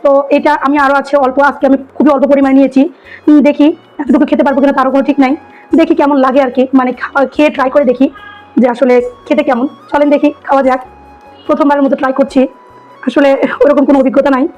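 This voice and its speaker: A woman with a throat hoarse from a cold chats quickly through a food-tasting vlog. Her voice sits high and stays fairly level in pitch as she repeats her enthusiastic praise. The audio is dull and lo-fi, with faint music underneath. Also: flat delivery, a little mellow. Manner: chatty, enthusiastic, repeats herself. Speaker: food vlogger.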